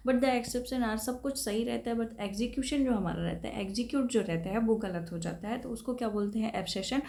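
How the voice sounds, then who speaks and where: Lady teacher, bit higher voice, explains step by step and keeps checking in. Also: fairly quick, vocal fry, darkish tone. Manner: explanatory, checks in with repeated "thik hai". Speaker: exam-prep teacher. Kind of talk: classroom lecture.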